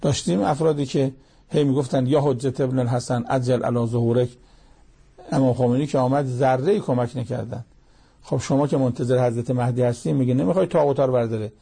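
A male preacher with a gravelly, husky voice and a dark, mellow tone. He reciting scripture and explaining it, driving points home with rhetorical questions. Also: mid-range voice, steady tone. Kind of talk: sermon on Quran verses.

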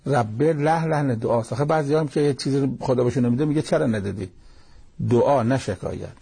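A man's voice: mid-range voice, dark tone, slightly rough. A man giving a religious lecture, explaining scripture verses one by one with plain everyday asides. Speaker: cleric teaching Quran commentary.

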